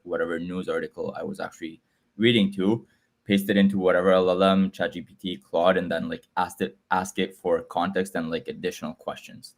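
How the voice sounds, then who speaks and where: A young man from Guatemala, a guest explaining his app in casual chat, with frequent halting repeats. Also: low-pitched. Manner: halting, repeats words as he talks. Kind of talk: casual video call chat. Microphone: video call.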